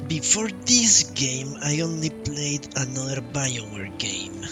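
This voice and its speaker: A game streamer gives casual live commentary on the game he's playing, musing and a little hesitant, with game music in the background. His voice is mid-range and slow.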